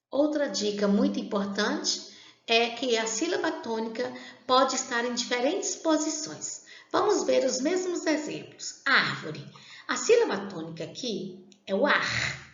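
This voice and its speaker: Woman teacher, slow and lively. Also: a little high. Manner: slow, deliberate, stretches out example words. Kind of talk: classroom grammar lesson. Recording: roomy, dull lo-fi sound.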